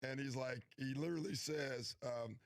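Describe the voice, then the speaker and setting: A man's voice: mid-range voice, moderate pace, vocal fry, a loud crowd. A man who used to play pro basketball, telling a story to a talk show host and chuckling along. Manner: chatty storyteller, laughing as he recalls. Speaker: former basketball player, talk show guest.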